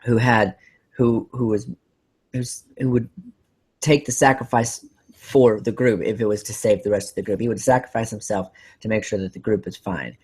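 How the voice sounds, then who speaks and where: A man with a fairly low, husky voice chats on a casual podcast. He rambles, gets excited, and restarts his sentences often. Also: normal speed. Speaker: podcast host.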